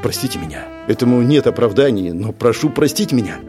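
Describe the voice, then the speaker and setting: A man's voice: mid-range voice, expressive, fairly quick, music in the background, natural voice. A man voicing an earnest, anxious young prince who pleads and confesses. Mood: pleading.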